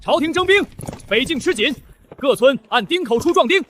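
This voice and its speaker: A man's voice: extremely high pitch, expressive, normal speed, fairly bright tone, slight background noise. A man voicing a stern imperial official who reads out a draft decree in a formal, commanding way.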